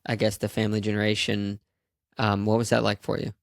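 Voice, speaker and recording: A man's voice: fairly low pitch, monotone, fairly quick, gravelly, dry recording, studio quality. A man hosting a podcast, chatty and friendly, asking his guest questions with lots of fillers. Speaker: podcast host. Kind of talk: casual interview conversation.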